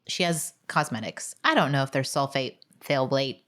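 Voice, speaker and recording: Low-voiced rambling woman. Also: moderate pace, a bit bright. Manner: rambling, self-correcting storyteller. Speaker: podcast co-host. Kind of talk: casual chat.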